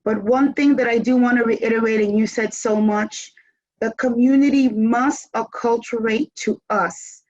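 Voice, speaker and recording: A woman's voice: medium pitch, no room sound. Woman moderator on dull, dry call audio. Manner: warm thanks, mixes in Spanish phrases. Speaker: panel moderator. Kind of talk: moderating a panel.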